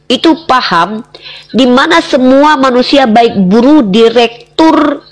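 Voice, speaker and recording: A woman's voice: high-pitched, animated, slow pace. A woman arguing in a heated religious debate, emphatic and challenging, firing off rhetorical questions at the man across from her. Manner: repeatedly addresses the other man directly.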